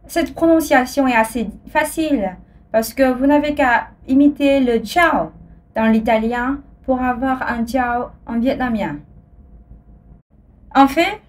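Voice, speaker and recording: A woman gives a language lesson in a measured, unhurried way. Her voice sits slightly high, and she repeats each example sound patiently for the learner. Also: a little mellow. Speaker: language teacher.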